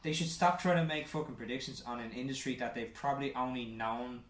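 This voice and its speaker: A man co-hosting a casual gaming podcast, blunt and quick to swear. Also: mid-range voice. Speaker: podcast co-host. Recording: roomy with faint hiss.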